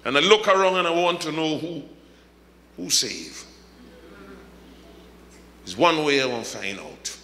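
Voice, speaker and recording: A bright, high-voiced pastor from the Caribbean preaches with wide swings of pitch and an unhurried pace. He punches his lines with shouts and slips into joking asides. His voice rings through a large, echoey church hall. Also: animated. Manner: preaching with rising shouts, humorous asides and laughter. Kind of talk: sermon.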